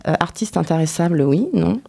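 A woman hosting a radio interview, asking questions in a relaxed way and often adding short replies. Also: on the low side, brisk, gravelly. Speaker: radio host. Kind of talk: casual interview.

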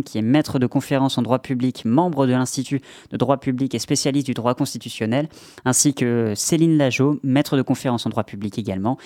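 Man hosting a radio show, measured intros, dry studio sound. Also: medium pitch, darkish tone, no room sound. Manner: measured introductions with some fillers. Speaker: radio host.

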